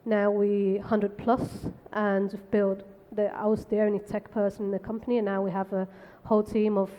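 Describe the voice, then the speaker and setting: A woman from the Canary Islands in Spain, speaking on a tech panel in a brisk, frank, self-deprecating way. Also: medium pitch, little pitch movement, lo-fi sound. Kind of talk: conversational panel talk. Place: conference stage. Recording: long hall reverb.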